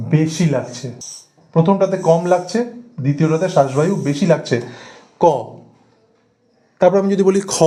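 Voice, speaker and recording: A man with a fairly high, warm and mellow voice teaches a grammar class. He works at a board, drills the terms by repeating them and stresses each key word. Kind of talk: Bengali grammar lesson at a board.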